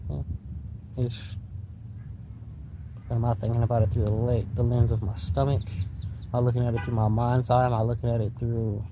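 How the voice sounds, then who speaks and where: A man tripping on mushrooms rambles philosophically in a medium-pitched voice with very little melodic movement. He drifts and circles back over his words, spaced-out and musing. Clear ambient noise runs behind him. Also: warm tone. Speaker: vlogger. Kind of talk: rambling philosophical monologue to the listener. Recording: noisy recording with vehicle-like ambient noise.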